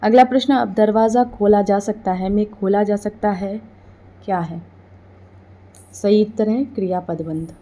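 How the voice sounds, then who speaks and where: A woman presenting an exam-preparation quiz, reading each question and then its answer in a steady, formulaic delivery. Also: mid-range voice, unhurried.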